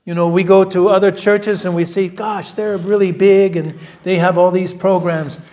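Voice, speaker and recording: Speaking in both Korean and English, a middle-aged pastor preaches loudly and emphatically in a church sanctuary, peppering listeners with rhetorical questions. His voice is high-pitched, his delivery flat, his pace moderate.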